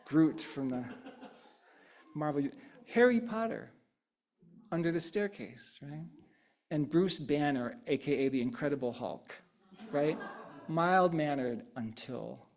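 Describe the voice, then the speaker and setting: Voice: medium pitch, animated, slow, pauses often, a little mellow. A speaker giving an interactive sermon, talking conversationally, often tagging "right?" and echoing answers from the congregation. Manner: repeats and riffs on audience answers.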